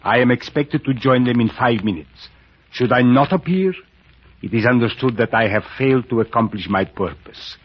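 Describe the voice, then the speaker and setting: In a muffled vintage recording of an old-time radio drama, an actor voices a sinister cult priest who is silky and mockingly courteous. His medium-pitched, natural voice has a breathy edge at normal speed, and he draws out his words with theatrical, amused, taunting relish.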